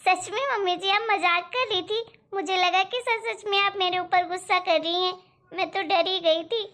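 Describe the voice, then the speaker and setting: A woman voicing a dutiful young daughter-in-law who speaks politely and softly, eager to please, in a cartoon story. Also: very high voice, steady tone, normal speed. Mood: worried. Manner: polite, soft-spoken, anxious to please.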